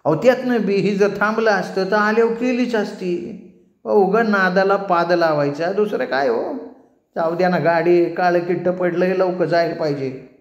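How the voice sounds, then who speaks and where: A man voicing a whining, pleading village barber, in a storybook tale. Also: moderate pace. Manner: high, whining, complaining. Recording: echoey room.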